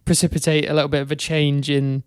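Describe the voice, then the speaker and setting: Young male podcast co-host, smooth resonant voice, dry sound, hesitant casual cricket chat. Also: a little high, fairly even intonation, moderate pace, no room sound. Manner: thoughtful, hesitant with fillers.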